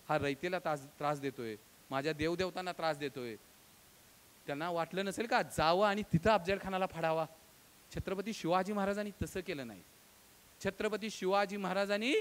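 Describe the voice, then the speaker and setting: High, bright-voiced man giving fiery speech. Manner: emphatic oratory, addresses audience as friends, rhetorical questions; swings between loud declamation and low intimate tones. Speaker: guest lecturer. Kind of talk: motivational public lecture.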